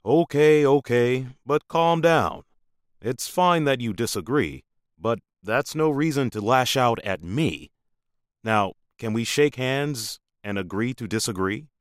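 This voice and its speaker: A man's voice: mid-range voice, expressive, unhurried, dry recording, clean studio sound, natural voice. A man playing an opinionated middle-aged uncle in a scripted lesson dialogue, talking in an earnest, lecturing way. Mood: placating.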